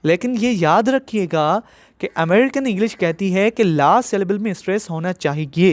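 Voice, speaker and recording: Man, grammar teacher, slow deliberate explanations, dry close sound. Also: sits high, no echo. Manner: slow, deliberate, spells out rules step by step. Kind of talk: explaining grammar rules in a lesson.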